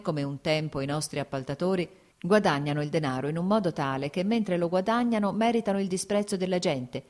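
A woman's voice: fairly low pitch, darkish tone, close to an everyday voice. A woman reading as an earnest brooding landowner. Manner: earnest, argumentative.

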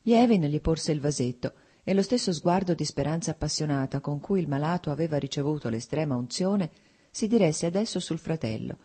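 A narrator giving a measured, even reading of a classic novel as an audiobook. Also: medium pitch, slightly rough.

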